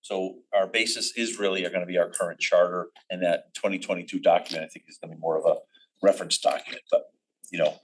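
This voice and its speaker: Male commission chair, lowish voice, halting delivery full of ums, municipal meeting. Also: steady tone, slight background noise, low-quality recording. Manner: halting, many ums and restarts. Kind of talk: public meeting.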